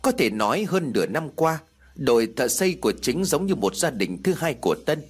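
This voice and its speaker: A man narrating an audiobook ghost story in expressive storytelling fashion. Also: fairly high pitch, fairly quick, slightly rough, faint music behind.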